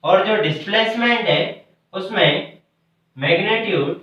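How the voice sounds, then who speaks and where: This high-voiced male teacher sounds pushed and bright, keeping a measured pace through a step-by-step classroom math lesson where he asks and answers his own questions. Heavy room echo, a distant mic and dull lo-fi quality mark the recording.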